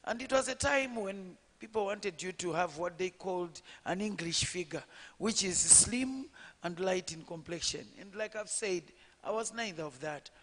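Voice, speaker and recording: A woman politician from Zimbabwe with a low voice often mistaken for a man's, sharing her experience on a conference panel in a measured way, with frequent fillers and restarts. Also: expressive, fairly bright tone. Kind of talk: personal account on a conference panel. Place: conference hall. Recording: long hall reverb.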